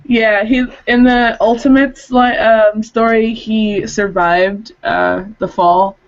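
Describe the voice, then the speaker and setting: A woman's voice: a little high, steady tone, takes it slowly, muffled recording. A woman in a casual fan recap chat, explaining things in a chatty way. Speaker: podcast co-host.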